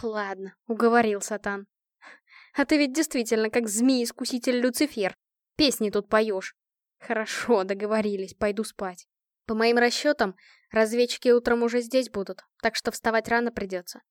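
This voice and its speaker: A woman's voice: fairly high pitch, fairly even intonation, moderate pace, dry recording, studio quality, close to an everyday voice. A woman voicing a hot-tempered, blunt young female commander. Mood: calmed.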